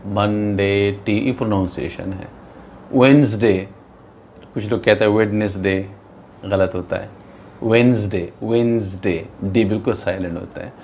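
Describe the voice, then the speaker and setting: A man teaching an English lesson, reading English slowly and explaining in Urdu-Hindi to his pupils. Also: lowish voice, slight background noise. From Pakistan. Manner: addresses pupils as "beta", repeats "theek hai". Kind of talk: bilingual classroom lesson.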